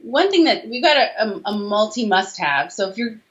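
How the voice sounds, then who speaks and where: Her medium-pitched voice swings widely in pitch at a moderate pace as she talks. The woman, a doctor and author in her forties, is an emphatic, chatty interview guest on a video call, listing details from a small indoor room, with slightly dull audio.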